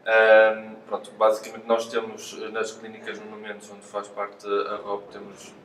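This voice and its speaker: A man with a European Portuguese accent, speaking as an interviewed physiotherapist, explains things at a moderate pace, hesitating and repeating words. His voice sits on the low side with a completely flat delivery. The recording has a roomy echo, a distant mic, and faint noise.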